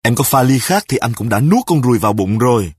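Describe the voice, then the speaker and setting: A man playing a sick, petty husband who scolds his wife in rapid-fire accusations in a spoken story. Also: medium pitch, expressive, a little mellow, husky, no room sound, studio quality. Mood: grumbling. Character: sick, petty, quarrelsome husband, self-righteous.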